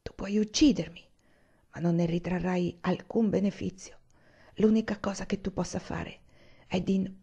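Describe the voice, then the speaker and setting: A woman voicing a desperate young woman who pleads in hushed whispers, as whispered role-play. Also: mid-range voice, husky. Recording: dull lo-fi recording.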